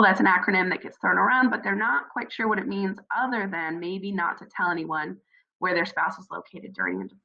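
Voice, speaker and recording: A woman with a cold speaks in a mid-range voice that is creaky, sharp, scratchy and froggy. She earnestly encourages new military spouses in a casual advice talk full of fillers. The audio is muffled.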